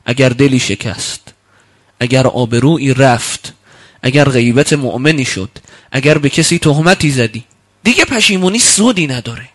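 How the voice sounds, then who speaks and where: A man preaching a sermon, quoting Arabic sayings slowly and then explaining them, with emphatic rebukes that climb loud and high. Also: expressive.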